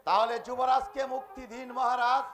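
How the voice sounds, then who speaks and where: A man's voice: extremely high pitch, level tone, a little fast, fairly bright tone, faint music behind. A man playing an earnest, defiant young patriot in Bengali folk theatre, declaiming formally and passionately with a Bengali accent. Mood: pleading. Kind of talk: historical Bengali jatra folk theatre acting.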